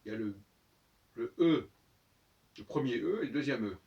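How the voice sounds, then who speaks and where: A man's voice: mid-range voice, animated, a little mellow, far from the mic, muffled recording. A man talking alone on his own channel, thinking aloud with many hesitations and restarts, sometimes spelling out letters one by one. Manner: halting, with frequent fillers and restarts. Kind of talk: unscripted solo monologue.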